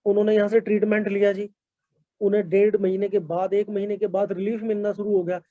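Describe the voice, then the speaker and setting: High-voiced man on a dull call line. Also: little pitch movement, fairly quick, warm tone, no room sound. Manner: polite, many fillers and repeated "sir". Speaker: product testimonial speaker. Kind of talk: online meeting talk.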